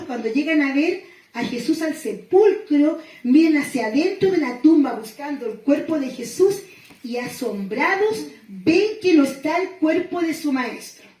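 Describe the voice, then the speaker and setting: A woman pastor from Chile giving a sermon reflection, telling the story gently and pausing often. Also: high-pitched. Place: small gathering room. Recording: echoey room, voice from far off.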